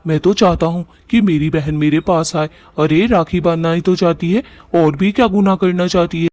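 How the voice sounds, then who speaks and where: A man's voice: a little high, fairly even intonation, normal speed, darkish tone, no echo, lightly acted. A man voicing an earnest, worried adult brother in a cartoon. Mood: upset.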